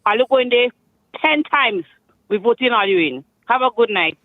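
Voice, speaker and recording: A woman's voice: fairly high pitch, animated, moderate pace, no room sound. A woman from Grenada with a Grenadian accent, calling in to a radio talk show and speaking earnestly, repeating her points for emphasis. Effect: clipped phone line. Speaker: caller. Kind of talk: call-in radio chat. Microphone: telephone. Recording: tinny dry phone line.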